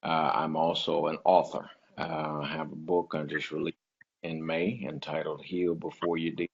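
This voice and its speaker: A man who is a preacher and author talking about himself as a guest on a chat show, in a slow, low, smooth manner. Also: little pitch movement, slight background noise. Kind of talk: casual interview talk. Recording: lo-fi sound.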